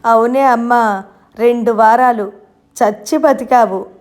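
A fond, fretful grandmother from a storybook, over sixty, with a soothing, affectionate way of speaking, put on lightly by a woman narrator. Her voice sits fairly high and moves slowly. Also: darkish tone.

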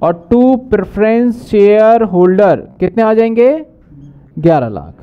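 A man teaching accounting in a brisk lecture, asking questions and answering them himself. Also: high voice, expressive, smooth, lo-fi sound. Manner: brisk, asks and answers his own questions. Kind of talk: whiteboard lecture.

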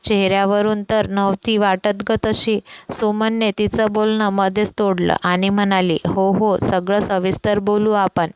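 A woman reading a scripted family story aloud, voicing the friends' dialogue herself in an even way. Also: mid-range voice, measured pace, clear, resonant tone, poor audio.

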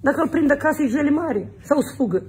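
A woman's voice: high voice, lively intonation. A middle-aged woman, talking emphatically in a casual street conversation. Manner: emphatic, keeps agreeing with repeated yes and correct.

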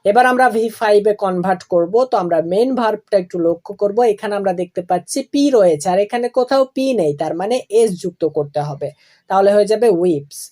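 A woman teaching English grammar, going slowly and deliberately through each verb form and letting phrases fall low at the ends. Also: lively intonation, mellow. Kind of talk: classroom explanation of verb forms.

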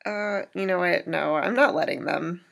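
A young woman playing a text game, giving casual let's play commentary with expressive, laughing reactions and mild swearing. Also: fairly low pitch, moderate pace, creaky. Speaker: game streamer.

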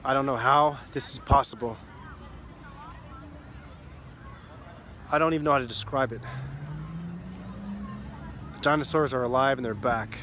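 A young man speaking gravely and quietly into a phone at arm's length, play-acting a disaster-film message. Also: mid-range voice, fairly even intonation, brisk, background noise. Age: young adult.

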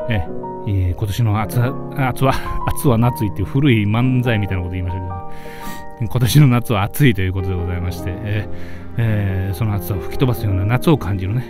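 Laid-back Kansai comedian hosting radio. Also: male voice, on the low side. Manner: laid-back, chuckling, polite sign-offs. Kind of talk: solo comedy radio talk.

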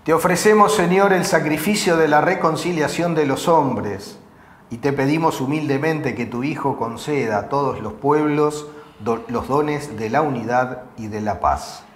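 A priest in his forties reciting the prayers of Mass in a solemn, measured way, with a lapel mic in a small chapel. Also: a little high, slight background noise. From Uruguay. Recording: echoey chapel.

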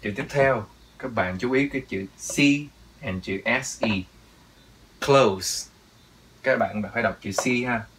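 Bright-voiced Vietnamese man teaching pronunciation. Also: mid-range voice, unhurried, slight background noise. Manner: drills words, repeats them with emphasis. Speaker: English teacher. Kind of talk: pronunciation lesson.

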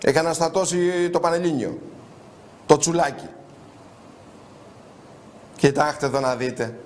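Loud ranting male TV host, high-pitched. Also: slight background noise. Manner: loud, indignant, insulting rants; mocking, theatrical. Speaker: TV show host. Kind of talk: on-air prank call and ranting commentary.

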